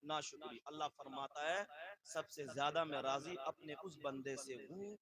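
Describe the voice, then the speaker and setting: A man's voice: on the high side, steady tone, normal speed, a bit bright, rough recording. A man preaching a sermon to a gathering, posing questions and answering them himself, repeating key phrases for emphasis. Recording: live gathering with crowd noise.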